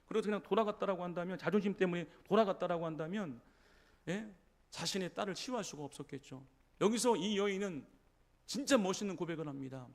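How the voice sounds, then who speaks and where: A man's voice: high-pitched, quick pace. A male pastor preaching a Sunday sermon in a church, retelling scripture stories and often checking in with the congregation. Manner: storytelling preacher acting out quoted voices, frequent "예?". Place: church sanctuary.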